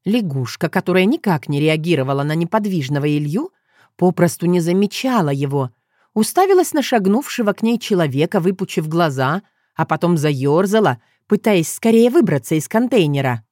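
A woman narrating an audiobook in a playful, expressive storytelling manner. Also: lowish voice, moderate pace, dry recording, clean studio sound. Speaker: audiobook reader.

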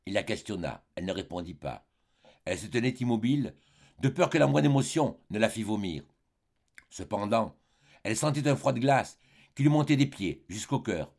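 A man narrates a classic novel in a low voice with a lively, shifting melody. His reading is measured and expressive, as in a volunteer audiobook. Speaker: audiobook reader.

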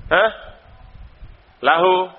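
A man's voice: high-pitched, very slow. Male Arabic teacher, Indonesian accent, quizzes students by name, lo-fi dull sound. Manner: calls on students by name, quizzes them, chuckles. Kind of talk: live online Arabic class. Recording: dull lo-fi recording.

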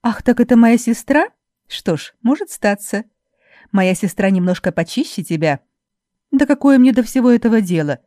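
A woman voicing a spiteful young laundress who loudly taunts and mocks her rival in an audiobook. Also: expressive, moderate pace, no echo, clean studio sound, natural voice. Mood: jeering. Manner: loud, mocking, shrill taunting.

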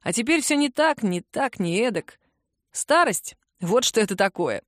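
A woman's voice: fairly high pitch, sing-song, normal speed, no room sound, clean studio sound. Woman narrating an ironic story. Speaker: audiobook narrator. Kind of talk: scripted narration.

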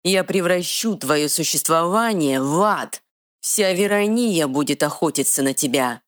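A woman voicing an arrogant male dark sorcerer who speaks slowly with hissing menace, recorded dry. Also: deep voice, animated, no echo, pitched above the performer's own voice. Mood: menacing. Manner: slow, drawn-out, hissing threats.

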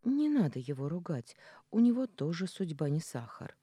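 An audiobook reader voicing a frightened, tearful young woman who accuses loudly with a trembling voice, in a lively, dry recording. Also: mid-range voice, normal speed, husky, no room sound. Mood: pleading.

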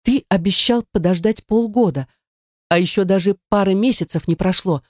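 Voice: mid-range voice, normal speed, darkish tone, no echo, clean studio sound, pitched above the performer's own voice, natural voice. An audiobook narrator voicing a defiant, indignant young woman in dialogue, with protesting exclamations.

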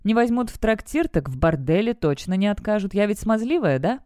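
A woman voicing a defiant, sharp-tongued young witch in an audiobook. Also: medium pitch, lively intonation, a little fast, smooth, no echo, studio quality, lightly acted. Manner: bitter, defiant. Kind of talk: audiobook character voice.

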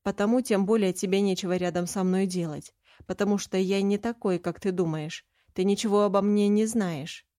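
A woman's voice: mid-range voice, steady tone, moderate pace, dark tone, dry recording, studio quality, close to an everyday voice. A woman voicing a stern, secretive young male mage who speaks in a curt, cutting way, in an audiobook reading.

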